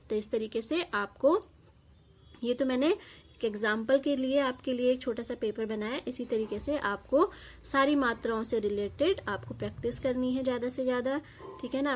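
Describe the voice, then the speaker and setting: A young woman teaching kindergarten children, sounding out each letter and vowel sign slowly, then repeating the whole word, with questions and praise. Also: a little high. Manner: asks questions and praises answers. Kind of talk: slow, spelled-out lesson for young children.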